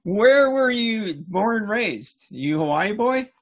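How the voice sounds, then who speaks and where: A man's voice: high-pitched, animated, slow. A middle-aged man hosting an interview, friendly and chatty, full of agreeing "yeah"s. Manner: affable, lots of agreeing fillers. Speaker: podcast host. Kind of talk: casual interview chat.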